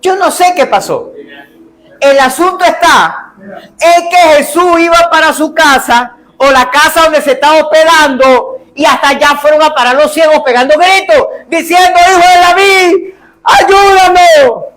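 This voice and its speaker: Pastor with a really high voice, preaching loud and lively, keeps checking in with the church. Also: male voice, moderate pace, rough recording. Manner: animated, calls out to congregation, acts out biblical cries. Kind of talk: sermon.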